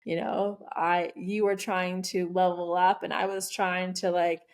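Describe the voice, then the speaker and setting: A woman with a low, gravelly voice co-hosts a podcast in casual chat. She muses as she goes, circling back with fillers and restarts. Her delivery stays loose and unhurried. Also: level tone. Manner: reflective, rambling with many fillers and restarts. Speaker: podcast co-host.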